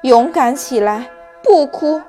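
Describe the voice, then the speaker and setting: A woman doing a frail, gentle old onion father. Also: high-pitched, expressive, slow pace, soft background music. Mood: comforting. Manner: soft-hearted, comforting.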